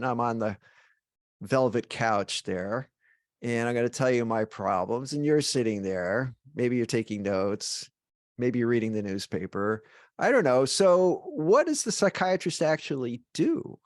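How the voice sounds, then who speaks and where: A man's voice: mid-range voice, no room sound, clean studio sound. A man hosting an interview podcast as a neurologist, asking casual, musing questions. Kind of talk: conversational interview.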